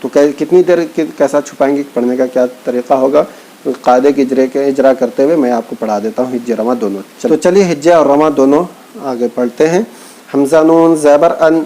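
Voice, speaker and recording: A man's voice: on the high side, vocal fry, dark tone, poor audio. A man teaching Quran reading, patiently explaining and drawing out syllables as he recites letters. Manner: patient, repeats points, stretches syllables when reciting. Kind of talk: teaching lesson, spelling out letters.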